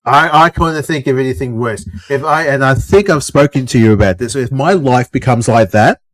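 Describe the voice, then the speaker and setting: A man's voice: medium pitch, moderate pace, a bit bright. A middle-aged Australian man co-hosting a casual podcast chat, telling stories, acting out other people's lines and swearing casually. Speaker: podcast co-host.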